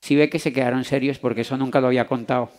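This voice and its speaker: A man from Latin America telling an animated personal story to a convention audience, acting out the voices in it. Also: medium pitch, very fast. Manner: animated, acts out voices in his anecdotes. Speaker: motivational speaker. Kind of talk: storytelling talk to a live audience. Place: convention hall.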